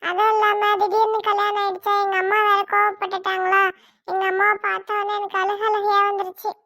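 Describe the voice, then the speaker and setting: A newly married young bride in an amateur family drama, played by a woman, talking in a very high voice. She chats and teases in a playful, easy way. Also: completely flat delivery, fairly quick, sharp tone, exaggerated voice. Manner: chatty, playful. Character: young bride, emotional and teasing.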